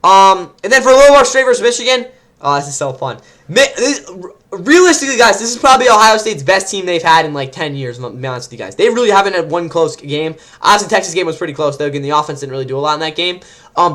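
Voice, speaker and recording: A young man hosts his own sports picks show, rattling off opinions at a rapid clip. His voice sits fairly high and he rambles, stumbles and corrects himself as he goes. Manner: rambling, excitable, self-correcting. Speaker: host. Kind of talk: casual sports predictions.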